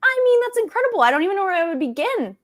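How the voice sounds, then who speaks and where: A woman's voice: very high voice, big pitch swings, racing, fairly bright tone. A woman hosting a show, upbeat and enthusiastic as she introduces and questions a guest. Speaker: host.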